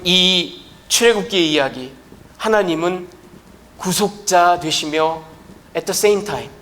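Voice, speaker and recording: A male pastor preaching a sermon in a church, telling a story in an animated, emphatic way. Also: on the high side, slight background noise.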